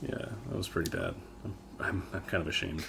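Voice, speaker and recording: A man's voice: low voice, fairly even intonation, a little fast, creaky, noisy background. A young man casually commenting on gameplay with a friend, rambling and self-deprecating. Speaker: let's play co-host and video editor.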